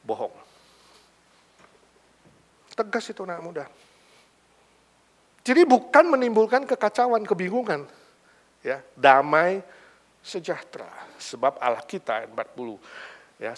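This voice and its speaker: Lively high-voiced Indonesian pastor preaching. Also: male voice. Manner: animated, acts out characters, mixes in English and casual slang. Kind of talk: sermon with anecdotal storytelling.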